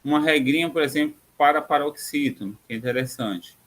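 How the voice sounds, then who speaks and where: A Brazilian man giving a recorded grammar lesson, pausing often on fillers and spelling out example words slowly. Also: fairly high pitch, fairly bright tone. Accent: Brazilian Portuguese. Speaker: teacher.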